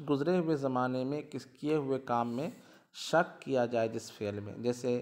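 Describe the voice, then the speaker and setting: A man with an Indian Urdu accent teaching a grammar lesson, patiently explaining and repeating each form with its translation. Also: medium pitch.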